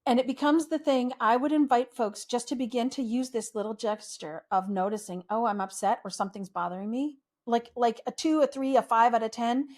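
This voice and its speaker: A woman therapist in a podcast interview, speaking in a gentle, soothing, reflective way. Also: fairly high pitch, a little fast, few pauses.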